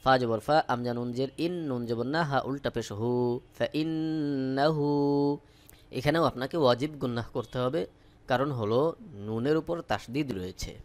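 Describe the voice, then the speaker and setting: A man with a Bangladeshi accent teaching Arabic recitation, spelling out each syllable slowly and then repeating the joined word. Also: mid-range voice. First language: Bengali.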